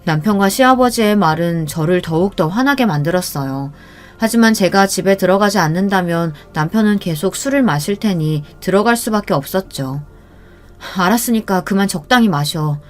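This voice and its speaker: A woman's voice: mid-range voice, animated, brisk. A woman telling a first-person story in a conversational, complaining tone. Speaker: story narrator. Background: faint background music.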